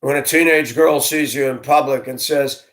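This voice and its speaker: A man's voice: mid-range voice, steady tone, normal speed, a bit bright. A man who used to drive a school bus, telling his own story in an earnest, heartfelt way while venting his frustrations. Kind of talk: candid personal storytelling.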